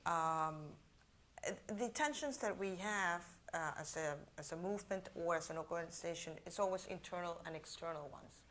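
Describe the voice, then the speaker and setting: A woman from Venezuela giving thoughtful remarks as a conference panelist, often pausing on fillers. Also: fairly low pitch, a bit bright, slight background noise.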